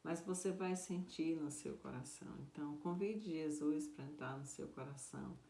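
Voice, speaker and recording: A woman voicing a man who is a calm, kindly missionary, speaking gently and reassuringly in a roomy space. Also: fairly high pitch, moderate pace, creaky. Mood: gentle. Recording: roomy echo.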